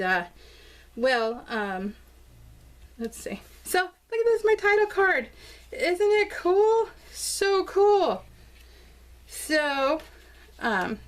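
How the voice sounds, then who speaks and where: Gushing and bubbly, an American woman narrates a casual craft show-and-tell of her scrapbook album for her vlog. She speaks on the high side with a fairly bright tone.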